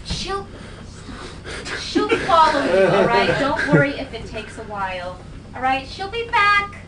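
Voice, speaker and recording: A woman playing a blunt, tipsy young woman who scolds and mocks with sharp sarcasm, acted live on stage. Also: sits high, very animated, a little slow, a loud crowd. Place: small theatre stage. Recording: distant echoey stage recording, faint noise.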